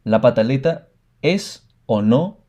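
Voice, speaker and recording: A man co-hosting a parenting podcast, explaining in a measured way and repeating phrases for emphasis. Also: medium pitch, expressive, warm tone, highs cut off. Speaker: podcast co-host.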